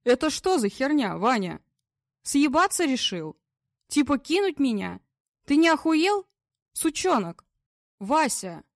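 Audiobook: woman doing a slurring, foul-mouthed drunk general, lively swings in pitch, dry close sound. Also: measured pace, pauses often, no echo, heavily acted. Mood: drunk angry. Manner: slurred, coarse, swearing. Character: drunk, crude, bullying middle-aged male police general.

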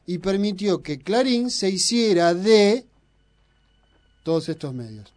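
A man's voice: high-pitched, expressive, takes it slowly, darkish tone. A man with an Argentine accent hosting a radio show, teasing his co-host and lecturing at length on politics. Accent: Argentine Spanish. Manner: argumentative, provocative, lecturing on politics. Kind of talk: opinionated radio banter.

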